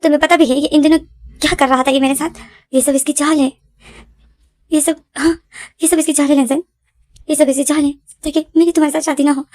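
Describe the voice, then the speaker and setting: A woman's voice: fairly even intonation, brisk, pauses often, a little mellow, no room sound, lightly acted. A woman telling it as a desperate young man pleading. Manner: pleading, shrill and accusing.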